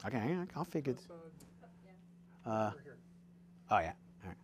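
A man giving a live seminar talk as presenter, jokey and lively, quizzing his audience with questions. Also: medium pitch, moderate pace, slight background noise. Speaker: presenter at a dental practice seminar.

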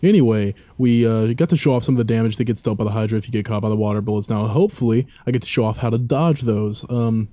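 A man's voice: fairly low pitch, fast talker, hardly any pauses, dark tone, dry recording. A young man giving casual, rambling gameplay commentary with many fillers and asides. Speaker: let's play commentator.

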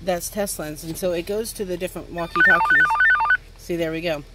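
Over loud music, the toy channel host, a mother, speaks briskly in a lowish voice with huge swings in pitch. She's outdoors on a wooden step beside a house, giving a casual unboxing review into a handheld phone or camera close by and piecing together her explanations as she goes, in a noisy recording.

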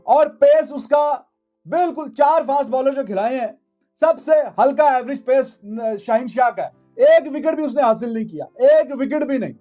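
A man's voice: very high voice, normal speed, dark tone, faint music behind. Man, 30s, mocking cricket analyst, repetitive, studio, lapel mic. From Pakistan. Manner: mocking, repeats phrases for emphasis. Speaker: cricket commentator. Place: indoor studio.

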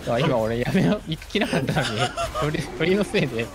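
A man's voice: fairly high pitch, lively intonation, fairly quick, a loud crowd. A man streaming an online team game, chatting casually with teammates and calling plays. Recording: loud game music behind voice. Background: game music.

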